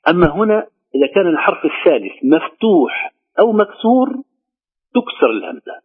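A man teaching Quran recitation, slowly drawing out each word he demonstrates. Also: on the high side, big pitch swings, breathy edge. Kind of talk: recitation lesson. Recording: tinny phone-line sound.

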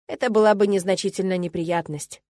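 A man's voice: sits high, steady tone, fairly quick, a little mellow, no echo, close to an everyday voice. A woman reader voicing a cocky, smug young male noble mage, with an ironic, self-assured manner, recorded dry and close. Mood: smug confident.

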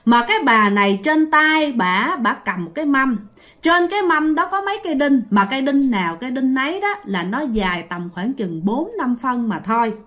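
Lively woman storyteller. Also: high-pitched, normal speed. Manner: addresses listeners directly, chatty and animated. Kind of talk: casual ghost story narration.

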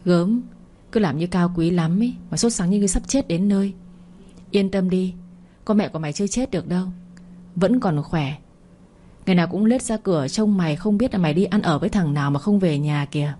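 A woman's voice: lowish voice, fairly quick, mellow, natural voice. A woman voicing a harsh, domineering older mistress of the house in a storybook reading, scolding and scornful.

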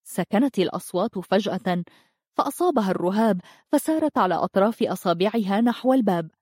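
A woman narrating a dramatic story in a steady audiobook style. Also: medium pitch, fast, no echo, clean studio sound.

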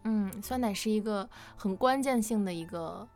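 Hosting a relaxed quiz for fans, this woman guides the questions with friendly, conversational chatter. She speaks at a normal speed in a mid-range, slightly mellow voice, over background music.

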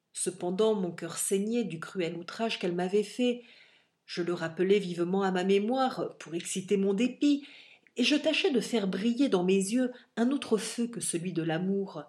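A woman narrating a classic novel as an audiobook reader, in an expressive, literary reading style. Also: medium pitch.

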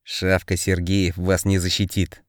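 A man voicing a dangerous, unpredictable convict who delivers threats slowly and quietly. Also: deep voice, monotone, no room sound, studio quality. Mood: menacing. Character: sinister convict enforcer, menacing calm man.

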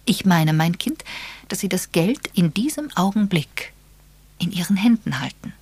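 A woman's voice: fairly low pitch, animated, a little slow, husky, dry recording, voice pushed up, exaggerated voice. A woman voicing an elderly, shrewd spinster detective who explains things in a mild, patient way. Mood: gently knowing. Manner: mild, patient, gently lecturing.

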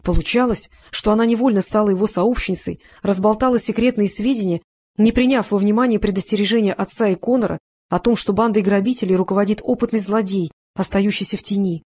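A woman's voice: mid-range voice, quick pace, a little mellow, slightly rough. Woman reading a novel aloud. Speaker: audiobook narrator. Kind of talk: scripted narration.

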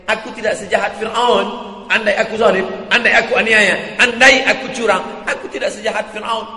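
A man voicing a proud, calm male caliph who reasons emphatically with a rude subject, in an echoey hall. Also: high voice, fairly quick, pitched above the performer's own voice. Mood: indignant reasoning. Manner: reasoning, emphatic, rising on repeated clauses. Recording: echoey hall with long reverb.

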